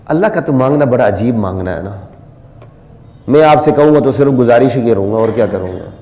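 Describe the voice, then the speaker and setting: A man preaching a sermon, moving between quiet asides and loud, rising exhortation, and slowing down to recite Arabic verses. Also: mid-range voice, lively intonation, big-room sound. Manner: quotes Quranic Arabic slowly. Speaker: religious teacher.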